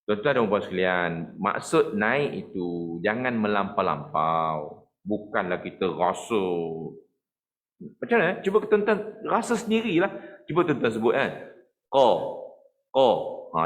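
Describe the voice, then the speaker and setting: A man with a Malaysian Malay accent from Perak, teaching a Quran recitation lesson online, explaining patiently and demonstrating letter sounds and slow chanted verses. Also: mid-range voice, a bit bright.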